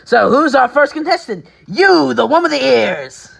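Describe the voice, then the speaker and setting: A woman voicing a manic, taunting male comic-book villain clown, theatrical and raspy, with drawn-out, swooping delivery. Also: sits high, very animated, pitched above the performer's own voice, exaggerated voice. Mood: taunting showman. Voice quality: raspy, strained. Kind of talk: amateur audition reading of video game villain lines.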